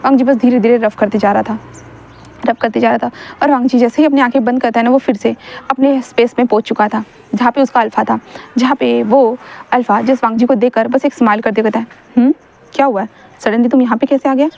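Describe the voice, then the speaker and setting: A young woman casually retelling a story she wrote, chatty and rambling, often stopping to correct herself. Her voice sits a little high and has a soft, mellow tone. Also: steady tone, fast talker, vocal fry.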